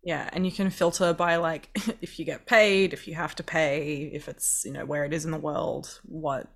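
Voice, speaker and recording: A woman's voice: low-pitched, steady tone, moderate pace, gravelly, a bit bright. Laughing, swearing woman co-host. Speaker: podcast co-host. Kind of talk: casual chat.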